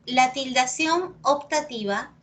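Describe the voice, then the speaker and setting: A woman with a Peruvian accent gives a lesson at an unhurried pace. She is patient and repeats key words slowly for emphasis. She often stops to check that her listeners follow. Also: high-pitched, a bit bright. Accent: Peruvian Spanish. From Peru. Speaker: pre-university Spanish teacher. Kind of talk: classroom lesson on accent marks.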